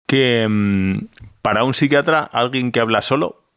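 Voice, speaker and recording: A man's voice: medium pitch, measured pace, fairly bright tone, clear, resonant tone. A man hosting a podcast interview, curious, asking short follow-up questions. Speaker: podcast host. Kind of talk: conversational interviewing.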